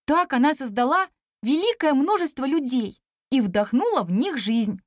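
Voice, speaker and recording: A woman narrating a children's story in an even, expressive reading voice. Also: sits high, normal speed, no echo, clean studio sound. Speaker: audiobook narrator.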